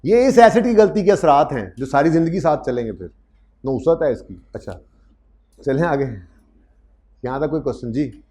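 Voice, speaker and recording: Man lecturing a class, higher voice. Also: animated, normal speed, pauses often, dark tone. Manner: explains step by step, calls students "beta" and "bhai", asks "theek hai na?"; raises his voice to project to the room. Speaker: accounting lecturer. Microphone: microphone in a classroom with hybrid online students.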